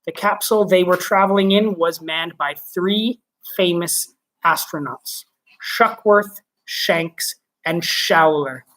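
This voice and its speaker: A man's voice: sits high, slow, fairly bright tone, poor audio. A teacher reading a children's book aloud, stopping for chatty asides that explain words to his students.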